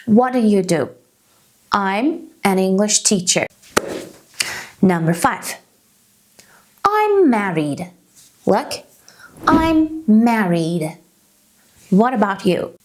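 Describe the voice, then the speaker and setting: A woman in her thirties from Canada, an English teacher giving a slow beginner lesson and repeating each phrase carefully for learners. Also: mid-range voice, big pitch swings, darkish tone. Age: 30s. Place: small room indoors.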